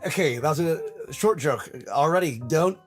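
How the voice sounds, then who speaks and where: A man's voice: on the high side, lively intonation, moderate pace, soft background music. A man trading playful jabs with a host and defending himself with a laugh. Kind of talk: casual comedic chat.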